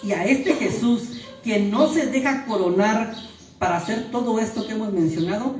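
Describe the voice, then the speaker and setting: A pastor preaches with a mellow, dark tone, rising into loud, emphatic bursts and firing rhetorical questions at the congregation. The voice sounds distant, caught from across an echoey church hall with faint birdsong behind. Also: medium pitch, normal speed, a little hiss or hum. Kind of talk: sermon.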